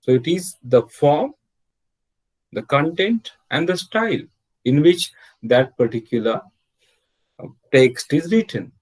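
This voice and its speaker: A man's voice: on the high side, animated, takes it slowly, pauses often, a little mellow, poor audio. Man lecturing over a video call. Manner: explains step by step with many "means", "okay" and "uh" fillers. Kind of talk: online literature lecture. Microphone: computer or headset mic on a video call.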